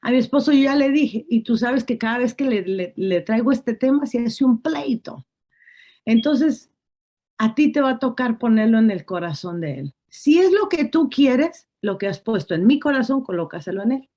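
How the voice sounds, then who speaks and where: A woman gives a testimony sermon in a high voice. She tells her story by acting out what each person said and repeats key phrases for emphasis. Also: animated, moderate pace, warm tone. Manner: storytelling, acting out quotes, repetitive. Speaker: preacher.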